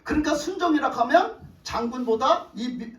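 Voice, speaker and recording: A woman's voice: high voice, lively intonation, moderate pace. A woman pastor preaching a sermon emphatically, prodding the room with rhetorical questions. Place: church sanctuary. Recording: echoey church, distant mic.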